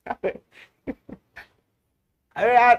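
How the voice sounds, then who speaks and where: A man's voice: drawn-out words, dull audio. A man teaching a math class who keeps telling the students to stop commenting and listen, moving between Hindi and English in a casual, teasing way. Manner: keeps hushing the class and asking them to listen; switches between Hindi and English mid-lesson. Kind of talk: classroom lecture.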